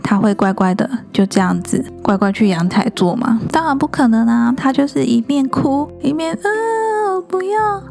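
A woman in her thirties hosting a podcast, talking calmly and gently about raising children. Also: on the high side, brisk, vocal fry, few pauses, faint music behind. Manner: calm, gentle, reflective advice. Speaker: podcast host. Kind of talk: podcast monologue on parenting.

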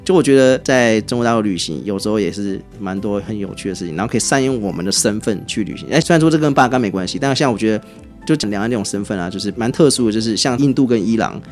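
Rapid-fire Taiwanese man telling travel stories. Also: on the low side, soft background music. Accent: Taiwanese Mandarin. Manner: animated, chatty anecdotes. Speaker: travel writer guest. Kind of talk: casual podcast storytelling.

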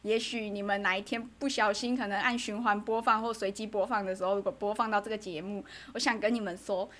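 A woman's voice: medium pitch, fairly even intonation, quick pace, a bit bright. A woman speaking Taiwanese Mandarin with an affected Japanese lilt, chatting in a joking, teasing way as a podcast guest. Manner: playful, teasing. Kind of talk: casual joking podcast chat.

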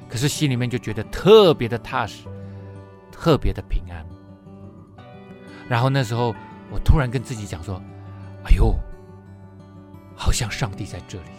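A man preaching, telling a personal testimony in an expressive, emotional storytelling way with many fillers. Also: medium pitch, moderate pace, long pauses, soft background music. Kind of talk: sermon testimony.

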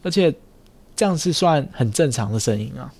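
A man's voice: medium pitch, animated, moderate pace, a little mellow. A man, a speech therapist hosting a casual podcast chat, explaining patiently and teasing his co-host. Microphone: studio mic with headphones.

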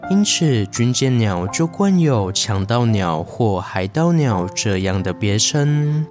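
A man hosting a podcast, narrating in a scripted nature documentary style with a measured storytelling delivery. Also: on the low side.

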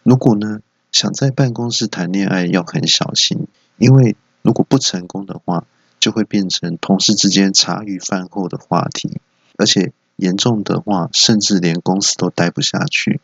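A man's voice: normal speed, vocal fry, breathy edge, no echo, lo-fi sound. A man hosting a solo comedy podcast with a Taiwanese Mandarin accent, telling office jokes and acting out the people in them. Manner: storytelling, voices characters with high squeaky outbursts. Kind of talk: solo comedy monologue with acted quotes.

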